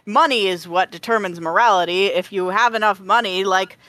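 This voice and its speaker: A woman's voice: medium pitch, a little fast, sharp tone, no echo. A woman in casual chat, talking through a game's plot with a co-host in a rambling way, laughing often. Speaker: podcast co-host.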